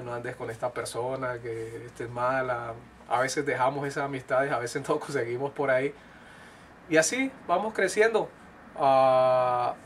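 A man's voice: medium pitch, a bit bright, slight background noise. A middle-aged man from Colombia talking earnestly to camera in a small studio, with frequent fillers and restarts. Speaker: speaker giving a personal talk. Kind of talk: casual direct-to-camera talk. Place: indoor studio with blue backdrop.

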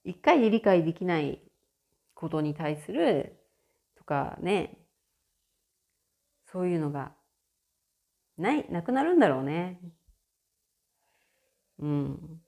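Chatty woman with a lively, lowish voice. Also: slow pace, creaky, pauses often. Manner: chatty, frequent laughter, animated shifts in tone. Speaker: podcast host. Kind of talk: casual solo audio chat.

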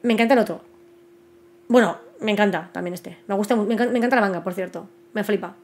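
A young woman hosting a casual live stream, chatting excitedly and stumbling over her words in constant restarts. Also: medium pitch, fast. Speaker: host of a live book news stream.

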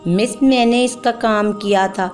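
A woman's voice: on the high side, steady tone, unhurried, close to an everyday voice. A woman voicing a frightened young girl who grows into a tearful young mother, speaking in a timid, pleading way over faint music.

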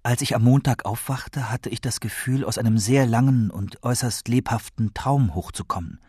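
A man reading an audiobook aloud, calmly narrating in the first person. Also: mid-range voice, moderate pace, husky, no room sound, clean studio sound. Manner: calm first-person storytelling.

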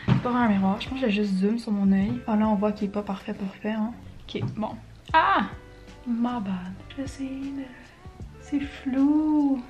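A woman's voice: a little high, moderate pace, warm tone, dull audio. A young woman with a Quebec French accent talks through her routine in a loose, chatty way, slipping in English slang and the odd swear. Her voice bounces around a roomy space, with faint music underneath. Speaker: beauty vlogger. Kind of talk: casual get-ready-with-me chat. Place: at home in front of a mirror.

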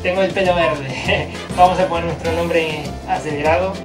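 A man giving excited commentary while playing a motion game at home, chanting repeated cheers and shouting, picked up by a camera mic at a distance. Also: a little high, moderate pace. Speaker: gamer filming himself. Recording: loud game music over voice.

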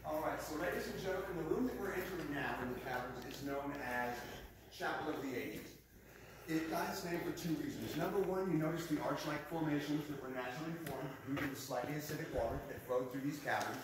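A man's voice: on the high side, fairly quick. Echoey, distant male tour guide. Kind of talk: informal guided tour narration to a group. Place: underground cavern with narrow passages. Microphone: visitor's handheld phone, several metres away. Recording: echoey cave, distant phone mic, faint noise.

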